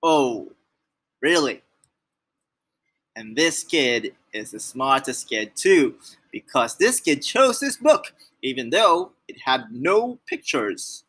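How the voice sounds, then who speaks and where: A man's voice: mid-range voice, big pitch swings, slow pace, fairly bright tone, breathy edge. A man reading a storybook aloud to children, playful and exaggerated, talking straight to the child listening. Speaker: children's book reader.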